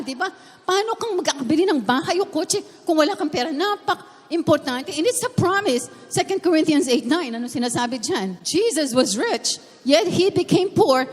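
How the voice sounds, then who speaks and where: A woman pastor, preaching an animated sermon that mixes Tagalog and English. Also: sits high. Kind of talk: Taglish sermon. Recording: long hall reverb.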